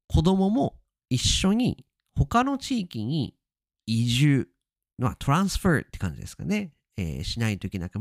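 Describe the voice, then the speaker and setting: A man's voice: medium pitch, no room sound. Guy hosting a casual language lesson, super swoopy voice, keeps stretching words, dry sound. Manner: lively and sing-song, stretching key words, mixing in English glosses. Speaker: podcast host teaching Japanese vocabulary.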